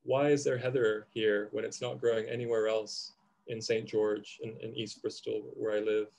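A man's voice: fairly low pitch, flat delivery, normal speed, vocal fry, a little mellow. A man in his thirties, who grew up in Indonesia, speaking on a video call from a home room, thoughtful and hesitant with restarts. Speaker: panel speaker. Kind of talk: reflective conversation.

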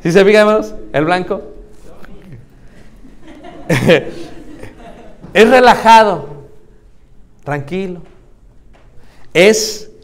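A young man preaching, lively, acting out church members in little voices. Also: high voice, drawn-out words, long pauses. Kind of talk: lively sermon to young people. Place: church hall.

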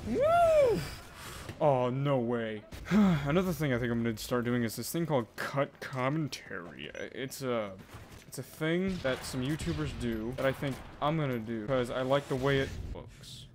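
A young man talks over his own shooter gameplay, by turns yelling in frustration and muttering to himself. His voice swings widely in pitch. Gunfire and explosions from the game sit clearly under his voice. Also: expressive, moderate pace, a little hiss or hum. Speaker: gaming YouTuber. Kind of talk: live gameplay commentary. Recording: game gunfire loud behind voice.

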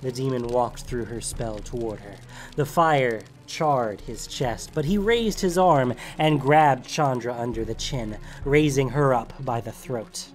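A man giving dramatic, steady scripted narration of a story. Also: mid-range voice, unhurried.

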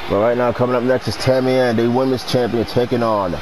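A man working as a wrestling commentator, giving excited play-by-play in short, punchy exclamations. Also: medium pitch, fairly quick, background noise.

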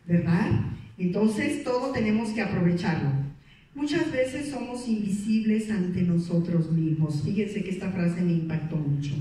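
Lively woman speaker, echoey hall. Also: medium pitch. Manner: lively, playful, teasing the audience with questions. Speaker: motivational speaker. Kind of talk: motivational talk to a women's meeting. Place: meeting hall. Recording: echoey hall recording from far off.

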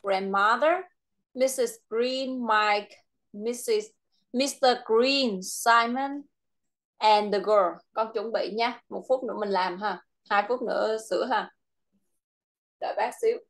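Patient female English tutor with a Vietnamese accent, slightly high-pitched, explains slowly. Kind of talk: online English lesson for a child.

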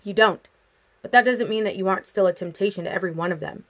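A woman voicing a brooding, protective young male vampire in a storybook reading, speaking low and grave. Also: fast talker, lightly acted.

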